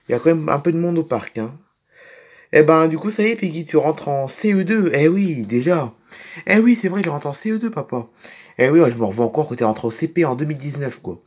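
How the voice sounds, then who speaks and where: A man's voice: on the high side, lively intonation, brisk, breathy edge. A man doing a rambling grumbling dad figure. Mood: chatty. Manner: rambling, repeats himself, grumbles. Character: chatty family dad toy figure, grumbling. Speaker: narrator and main figure of a toy film. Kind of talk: toy figure film role-play.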